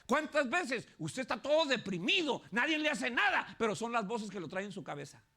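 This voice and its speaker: Animated preacher, gravelly high voice. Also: male voice, moderate pace. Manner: animated, laughing, shouting at peaks. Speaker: pastor. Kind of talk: sermon.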